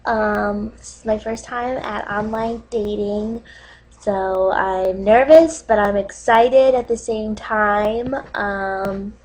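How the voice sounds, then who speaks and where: A young woman playing a nervous, cat-obsessed dater in a comedy dating-video sketch, halting through ums and breaking into tearful sobs. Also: medium pitch, steady tone, darkish tone, poor audio.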